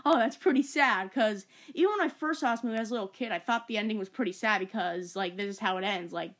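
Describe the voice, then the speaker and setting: A young woman talks through a movie review in a loose, rambling way, stacking fillers and tripping over her words in her excitement. Her voice sits at an ordinary middle pitch. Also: fast talker. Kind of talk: casual video review.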